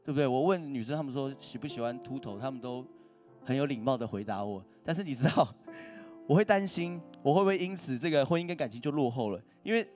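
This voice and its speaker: A man's voice: medium pitch, animated, fast, darkish tone, faint music behind. A man, preaching a humorous sermon as a pastor, telling stories with self-mocking jokes. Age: 30s. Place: church stage.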